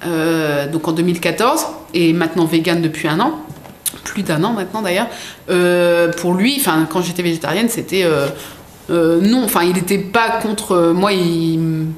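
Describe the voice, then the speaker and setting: A woman's voice: lowish voice, moderate pace. A woman vlogging an unboxing in a casual, rambling way, full of fillers and self-corrections. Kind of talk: casual chatty product unboxing. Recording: echoey room with faint background noise.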